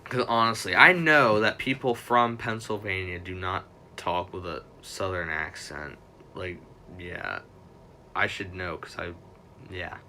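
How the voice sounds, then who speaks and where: A young man talks casually as he hosts a livestream, rambling along and correcting himself as he goes. His voice sits a little low but sounds bright and forceful. Faint noise hums behind him. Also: a little slow. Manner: rambling, self-correcting, chatty fan talk. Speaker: livestream host.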